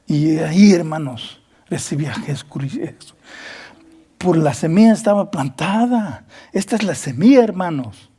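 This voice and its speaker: A man's voice: fairly high pitch, expressive, measured pace, mellow, husky. A man preaching a Bible study sermon as pastor, earnest, repeating words and acting out quoted dialogue, slipping between Spanish and English.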